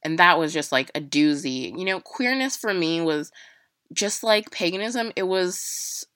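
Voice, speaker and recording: A young woman talks through a personal story in a loose, halting way, leaning on fillers and restarts. Her voice is bright and a little low-pitched, and the sound is dry and close. Emotion sits just under the surface as she speaks. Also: lively intonation, no room sound. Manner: casual, halting, many fillers. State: emotional, near tears.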